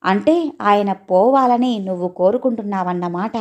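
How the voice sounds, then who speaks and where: A woman's voice: medium pitch, moderate pace, dull audio, close to an everyday voice. A devoted young woman in a spoken story, read by a woman, protective of her father. She talks with earnest, reproachful urgency. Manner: pleading, reproachful.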